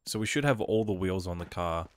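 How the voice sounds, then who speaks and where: This is casual let's-play commentary from a man whose slightly low voice is affected by a cold. He moves briskly with lively intonation, voicing the on-screen instructions and his passing thoughts in an easygoing way. The sound is smooth and dry.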